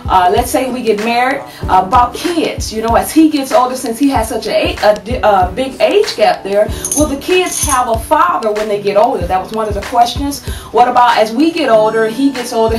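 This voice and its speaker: Woman, 30s, advice vlogger. High voice, preachy and animated, echoey home room, far from the webcam. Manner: animated, preachy, says "okay?" often. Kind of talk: casual advice talk to camera. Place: small room at home, indoors. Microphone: webcam at desk distance.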